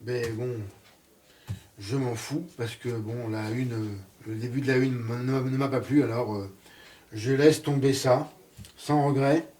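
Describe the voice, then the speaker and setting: A man's voice: medium pitch, steady tone, measured pace, a little mellow, far from the mic. A man giving a casual spoken series review, hesitant and full of fillers and restarts.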